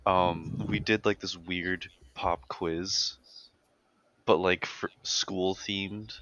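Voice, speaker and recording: A teenage boy with a low voice tells a story about his day in a relaxed, slangy way. He speaks in casual podcast chat. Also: extremely slow, dry recording, muffled recording. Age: teens. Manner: laid-back storytelling, slangy. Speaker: podcast co-host.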